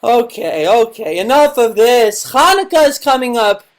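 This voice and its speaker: A woman doing stand-up comedy with a slow, wry delivery and a sung parody. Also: fairly high pitch, lively intonation.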